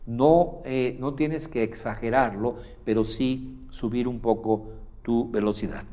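A man giving an instructional lecture, often pausing on "eh" and demonstrating faster or slower, higher or deeper speech as he teaches. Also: steady tone, mellow. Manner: demonstrates pace and pitch changes while teaching, with frequent "eh" fillers.

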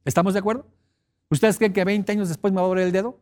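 This Mexican-accented man races through his motivational seminar talk, his high-pitched, darkish voice holding a fairly even intonation. He's emphatic and keeps asking the audience questions.

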